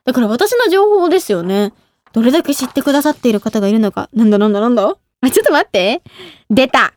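A woman's voice: high-pitched, no echo, studio quality. A woman in her twenties hosting a radio show in casual, giggly talk, often laughing at herself. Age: 20s. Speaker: radio show host and idol.

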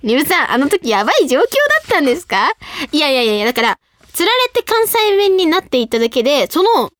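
A woman's voice: high-pitched, quick pace, no room sound, clean studio sound. A young woman from Saitama hosting a radio show, chatting in a bubbly, giggly way and reading out listener mail. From Saitama, Japan. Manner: bubbly, giggly, animated storytelling. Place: radio studio. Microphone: studio microphone.

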